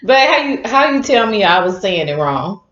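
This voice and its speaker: A woman's voice: medium pitch, very animated, moderate pace, fairly bright tone. A woman co-hosting a podcast in casual chat, teasing and playful. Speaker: podcast co-host. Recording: roomy, dull lo-fi sound.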